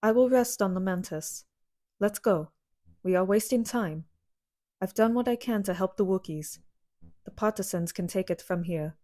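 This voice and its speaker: A woman's voice: mid-range voice, moderate pace, mellow, natural voice. A woman playing a stern, fiery young woman warrior who speaks in blunt, clipped lines.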